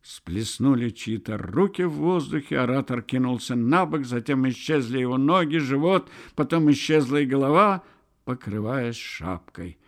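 A man narrating a literary audiobook in a measured, unhurried storytelling manner. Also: medium pitch, expressive.

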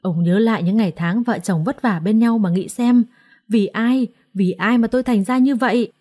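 A woman's voice: on the high side, normal speed, dark tone, close to an everyday voice. A woman voicing a furious, vengeful scorned wife who shrieks curses in a storybook reading.

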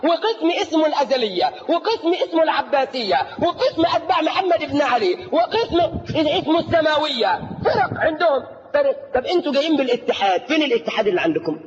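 A man with an Egyptian accent preaching a sermon. He mocks his opponents with shouted outbursts and asks rhetorical questions that leave the last word for the audience. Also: extremely high pitch, big pitch swings, fast talker, hardly any pauses, slight background noise. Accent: Egyptian Arabic. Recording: dull lo-fi tape in a reverberant hall.

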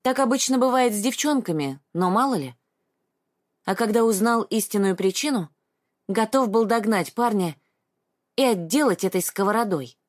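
A woman narrating an audiobook in a calm, even storytelling manner. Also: mid-range voice, moderate pace, no room sound, clean studio sound.

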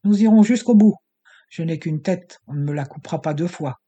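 A man's voice: fairly high pitch, fairly even intonation, moderate pace, warm tone, slightly rough, dull audio. A man voicing a harsh, threatening male villain with a slightly hissing voice in an audiobook. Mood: menacing.

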